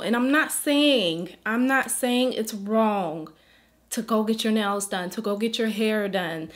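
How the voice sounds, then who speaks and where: A woman beauty influencer speaking in an earnest, pleading faith vlog, holding back tears and dropping into soft whispers. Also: mid-range voice.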